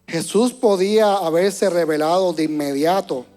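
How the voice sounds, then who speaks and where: A man preaching a sermon to a church congregation, moving between hushed and loud passages and often repeating words as he searches for them. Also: high voice, moderate pace, soft background music. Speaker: pastor.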